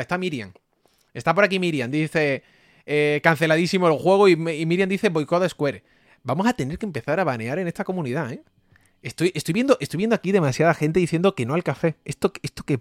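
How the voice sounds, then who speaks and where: A young man with a Spain Spanish accent, streaming and reading his live chat in a joking, animated way, often laughing and repeating exclamations. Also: on the high side, dry recording, studio quality. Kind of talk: casual livestream chat.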